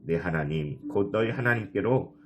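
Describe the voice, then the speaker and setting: Low male voice for a gentle risen teacher, solemn and measured. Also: muffled recording, lightly acted. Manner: calm measured quoting. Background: soft guitar music.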